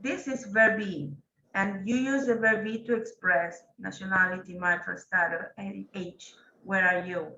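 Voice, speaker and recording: A woman's voice: medium pitch, fairly even intonation, normal speed, sharp tone, echoey room, dull audio, a little hiss or hum. A woman, teaching an English grammar class and patiently prompting students. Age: 40s.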